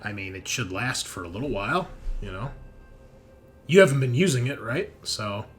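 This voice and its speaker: A man serves as game master for a tabletop roleplaying game, narrating conversationally and often checking in with his players. His mid-range voice is expressive and moderately paced, with soft music and noisy ambience in the background.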